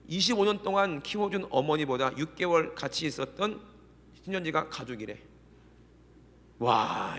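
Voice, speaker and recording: A middle-aged man preaching a sermon as pastor, animated and constantly firing questions at the congregation. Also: on the high side. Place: church sanctuary. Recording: long church hall reverb.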